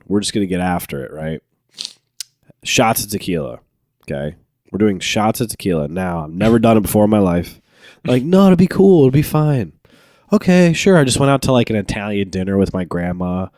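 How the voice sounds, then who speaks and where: A young man with a fairly low voice tells a story on a podcast, lively and laughing, and often breaks into high squeaky impressions of what people said. He is recorded close and dry in a studio. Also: brisk, no echo. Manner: animated, laughing, jumps into high-pitched quoted voices. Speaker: podcast co-host. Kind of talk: casual storytelling chat.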